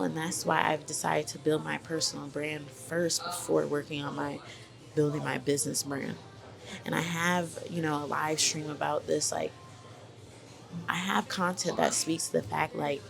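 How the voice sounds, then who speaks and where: A woman's voice: low voice, creaky. A young woman from Boston and Brooklyn talking casually to camera about her business, upbeat and chatty with lots of fillers. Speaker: vlogger and branding agency owner. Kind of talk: casual direct-to-camera vlog. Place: visiting hometown, background chatter. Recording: noisy audio with crowd chatter behind.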